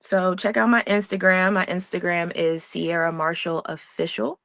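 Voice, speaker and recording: Woman from Pennsylvania, lowish but very bright voice, upbeat panelist, dry sound. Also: normal speed, vocal fry, dry recording. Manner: upbeat self-promoting, animated. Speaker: panelist, actor and entrepreneur. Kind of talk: casual panel chat. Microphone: video call.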